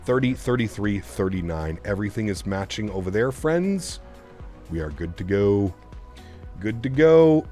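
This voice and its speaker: Over soft background music, a man with a warm, fairly low voice streams a flight simulator and works on programming its flight computer. He talks at a measured pace with lively intonation, musing aloud in a chatty way and asking his audience for their views.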